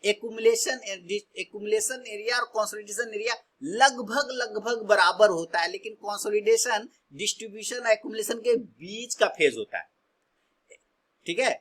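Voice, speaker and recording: High, bright-voiced Indian man teaching trading. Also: normal speed. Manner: repeats phrases, asks and answers his own questions. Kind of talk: casual explanatory teaching.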